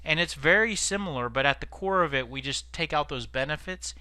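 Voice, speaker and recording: A man's voice: on the high side, lively intonation, brisk, bright, forceful tone, clear, resonant tone, no echo. A man giving an informal instructional presentation as a sales trainer, explaining examples step by step.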